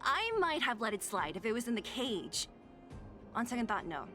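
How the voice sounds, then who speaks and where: Over music, an actress voices a blunt, sarcastic young female fighter from the underworld in video game dialogue, tough and exasperated. Her voice is fairly high and sing-song, at a moderate pace.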